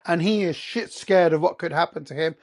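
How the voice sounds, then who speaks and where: This English host, a man from England, delivers a ranting monologue on his own, heated, profane and full of rhetorical questions. He talks briskly in a slightly high voice with a darkish tone.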